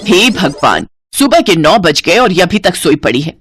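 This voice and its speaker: A woman voicing a cold stepmother in a storybook, speaking in a sharp, nagging way. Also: fairly low pitch, very animated, moderate pace, a little hiss or hum. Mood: scolding. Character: harsh stepmother, cold and scolding.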